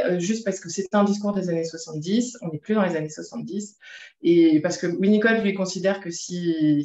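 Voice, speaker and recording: A woman's voice: mid-range voice, darkish tone. A woman veterinarian gives a presentation in a loose, conversational way, stopping often to find her words. She explains patiently, walking the audience through slides. The sound is roomy and a bit dull, like a lo-fi capture in an echoing space. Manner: conversational, explanatory, with frequent hesitations.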